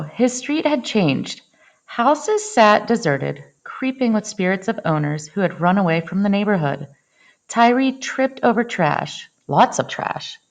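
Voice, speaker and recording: With a medium-pitched voice, a woman narrates a children's picture book expressively. She lingers on action words and gives them dramatic phrasing.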